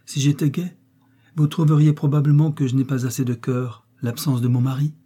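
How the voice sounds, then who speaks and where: A man voicing a quiet, dignified young wife who speaks in a restrained, composed way in an audiobook. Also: mid-range voice, flat delivery, normal speed, voice pushed up, natural voice.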